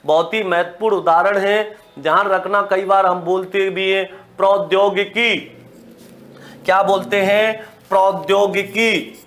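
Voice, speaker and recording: A man's voice: high-pitched, fairly even intonation, unhurried, fairly bright tone. A man teaching a grammar lesson, who keeps repeating the key words and asks questions that he then answers himself, speaking straight to his students. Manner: directly addresses students as brothers and sisters.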